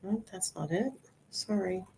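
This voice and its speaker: A woman hosting an informal online chat presents trial photos by screen share, describing them one after another with steady method. Her medium voice is gravelly and a little slow, coming over a video-call computer mic with slight background noise.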